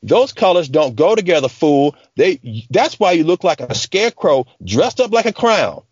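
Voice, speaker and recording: Brief: taunting hot-tempered aunt, read by a man, pitched up, dull lo-fi sound. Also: sing-song, normal speed, a little mellow, breathy edge, no echo. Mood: mocking, angry. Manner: brash taunting Southern-style speech. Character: cruel loud heavyset aunt, taunting and quick-tempered.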